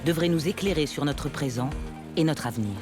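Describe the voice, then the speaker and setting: A man reads documentary narration in a measured, explanatory way. His voice sits a little high. Clear music plays behind him throughout.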